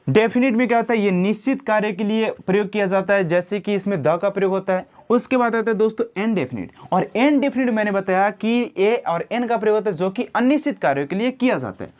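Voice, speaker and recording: Repetitive grammar teacher. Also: male voice, sits high. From India. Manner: repetitive, drills words slowly, addresses viewers as friends. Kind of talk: classroom-style lesson.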